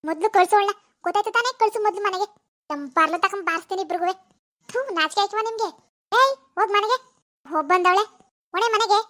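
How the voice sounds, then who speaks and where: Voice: extremely high pitch, racing, bright, forceful tone. A voice artist playing an angry village mother in a cartoon, scolding her son and hurling insults. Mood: commanding. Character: furious rural village mother, sharp-tongued. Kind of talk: animated village drama.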